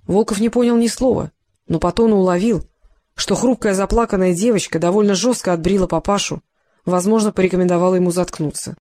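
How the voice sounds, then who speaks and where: An audiobook narrator reading a detective novel in an even, measured way. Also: mid-range voice, dry recording.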